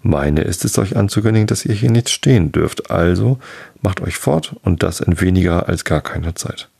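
A man's voice: deep voice, expressive, moderate pace, creaky, a little mellow, husky, full character voice. A man playing the small, spiteful man in the moon, speaking curtly and dismissively, in a storybook reading. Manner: curt, dismissive.

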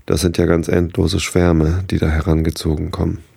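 A man voicing a weary male settler in a slow bedtime story reading, earnest. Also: sits low, level tone, creaky, warm tone, slightly rough, no echo, full character voice.

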